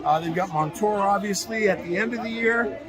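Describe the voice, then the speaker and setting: High-voiced man hosting a football show. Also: brisk, low-quality recording. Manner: conversational, analytical. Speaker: sports show host. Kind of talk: high school football preview and interview.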